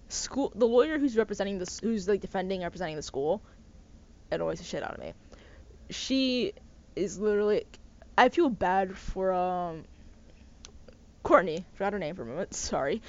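A woman's voice: on the low side, darkish tone. A young woman ranting casually as host, swearing often and rambling with restarts and stumbles. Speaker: podcast host. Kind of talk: casual rant. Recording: slightly dull lo-fi sound with faint noise.

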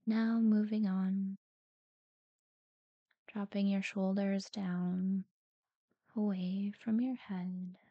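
A woman guiding a sleep meditation in a soft, breathy near-whisper, soothing and unhurried, with long pauses between short phrases. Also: mid-range voice, flat delivery, dry recording, highs cut off. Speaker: guided relaxation narrator. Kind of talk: guided sleep meditation talkdown.

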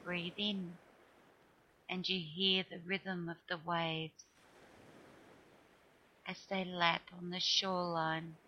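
A woman narrating a guided relaxation meditation in a soothing way, with short phrases and long pauses. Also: lowish voice, little pitch movement, dull audio, slight background noise. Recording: music behind the voice. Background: music.

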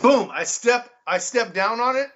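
An American man telling a story in a casual chat, animated and laughing, swearing and saying "bro" a lot. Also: very high-pitched, unhurried, muffled recording. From United States.

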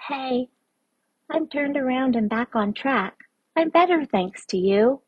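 A woman voicing a small, fluffy male snore creature that is cranky and mixed-up, with squeaky, fussy backwards talk in a storybook reading. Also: expressive, slow, breathy edge, no echo, muffled recording, full character voice. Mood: sleepy.

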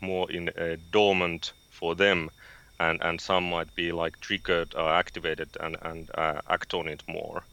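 Deep, smooth Finnish-accented man. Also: bright, forceful tone. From Finland. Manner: halting, many fillers and restarts. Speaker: guest, space company founder. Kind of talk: interview conversation.

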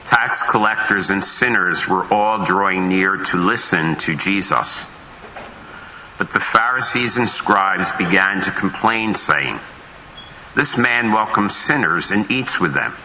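A pastor reading a Gospel passage aloud at Mass in a measured, solemn way, his voice carrying with a big church echo. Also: low voice, pushed and bright, slight background noise. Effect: big echoing church reverb. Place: large church. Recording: roomy echoing church sound.

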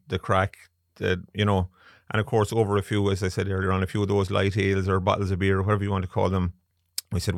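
A man's voice: low-pitched, no echo, studio quality. A man from Galway with a west of Ireland accent, chatting casually as a podcast guest who manages a racing syndicate. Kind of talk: casual interview chat.

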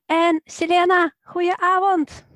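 A woman's voice: very high-pitched, flat delivery, takes it slowly, a bit bright, dry recording, clean studio sound. A woman from Ukraine with a Ukrainian accent, hosting and asking cheerful questions of a guest. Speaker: host. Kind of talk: interviewing a guest.

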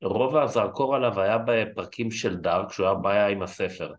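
A man co-hosting a wrestling podcast, speaking in a measured, candid way in casual chat. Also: lowish voice.

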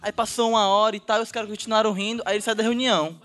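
A man's voice: high-pitched, steady tone, very fast, a bit bright, faint music behind. A young man telling a story in a casual podcast chat, nervous and laughing as he talks. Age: young adult. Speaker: guest sharing a story.

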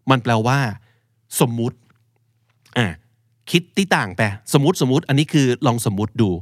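A young man hosting a podcast vocabulary lesson, explaining words slowly, repeating them and quizzing listeners on which syllable takes the stress. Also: mid-range voice, animated, no echo, clean studio sound. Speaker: English vocabulary teacher.

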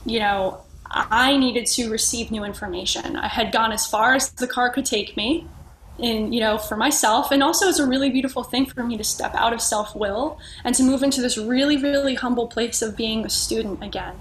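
As a guest on a podcast, a woman reflects earnestly on her experiences in conversation, often hunting for words and starting her sentences over. Her voice is on the high side at a normal speed, recorded in an echoey room with faint noise.

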